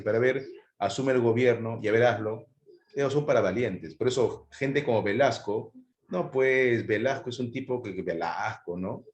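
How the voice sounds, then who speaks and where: Man, history teacher, casual lecture, rhetorical questions, roomy echo. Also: mid-range voice. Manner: conversational, asks students rhetorical questions. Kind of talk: live online class lecture. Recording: echoey room.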